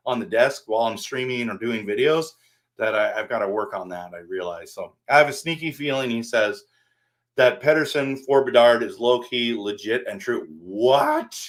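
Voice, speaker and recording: A man's voice: mid-range voice, normal speed. A man hosting a casual live stream, rambling and answering his viewers by name while standing at his desk.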